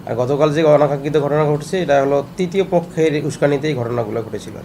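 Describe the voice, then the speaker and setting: A man with a gravelly, fry-tinged voice at a middling pitch speaks for his company to reporters, measured and official, filling pauses with long hesitations. The recording is noisy street audio with steady background sound. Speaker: company administration manager. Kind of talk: on-the-spot press statement.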